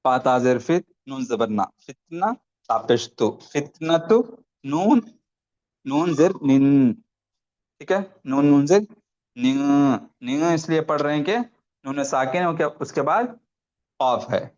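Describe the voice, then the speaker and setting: A man's voice: on the high side, darkish tone, lo-fi sound. A man teaching Quran reading online. He spells out letters and vowel marks syllable by syllable and adds short explanations of the rules. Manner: slow syllable-by-syllable drilling with brief explanations.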